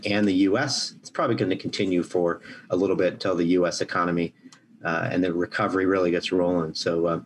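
An American man speaking as an analyst in unscripted podcast commentary, with measured, hesitant phrasing. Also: sits low, slight background noise.

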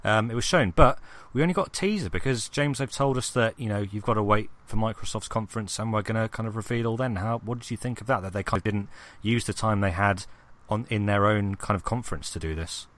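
A man's voice: fairly low pitch, quick pace, a bit bright. A man hosting a casual gaming podcast, rambling with lots of ums and restarts as he puts questions to his co-host.

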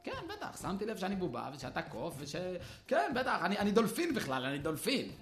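A man's voice: high voice, huge pitch swings, fairly bright tone, soft background music, voice pushed up, exaggerated voice. A man voicing a stubborn, indignant male puppet professor in a ventriloquist act who waves off everything he is told. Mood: dismissive. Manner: indignant, dismissive, clears throat a lot.

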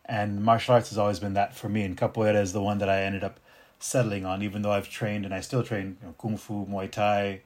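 A middle-aged capoeira teacher and martial artist, Detroit-born and partly raised in North Africa, with Arabic as his first language. In a casual interview he talks in a reflective, unhurried way, often restarting his sentences. His voice is lowish and his delivery flat.

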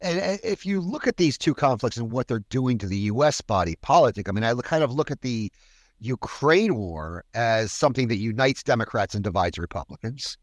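A man's voice: mid-range voice, animated, fairly quick, dry recording, studio quality. A man hosting a policy discussion, talking conversationally with wry asides.

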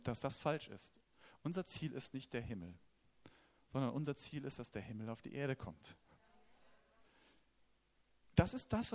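A man's voice: mid-range voice, a little mellow. A man preaching a sermon in a conversational way, asking the congregation questions and talking to them directly.

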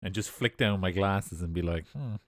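A man's voice: low voice, fairly even intonation, moderate pace, a bit bright, dry recording, clean studio sound. A man chatting casually and a little hesitantly as a player in a tabletop role-playing game. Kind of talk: casual role-play chat.

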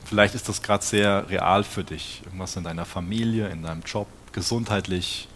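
A man's voice: sits low, steady tone, normal speed, fairly bright tone, slight background noise. A man preaching a sermon in an earnest tone, often putting direct questions to his listeners.

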